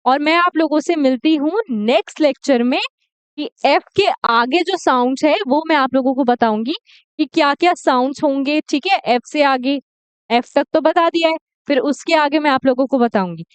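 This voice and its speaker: A woman teaching English pronunciation in an online video lecture, repeating words slowly and often checking "okay?" with her learners. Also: sits high, no room sound. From India.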